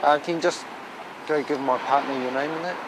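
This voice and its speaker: Out on a residential street, a high-voiced Kiwi cop with a broad New Zealand accent deals with the public fairly quickly and with fairly even intonation. His manner is blunt, firm and colloquial, and the outdoor audio is noisy with passing traffic.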